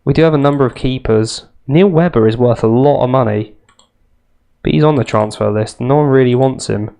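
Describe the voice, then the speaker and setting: Brisk and warm despite a creaky edge, this medium-pitched young man sounds nasal and congested from a cold. He's a gaming YouTuber giving easygoing let's-play commentary on a football management game, chatty and self-mocking with wry remarks.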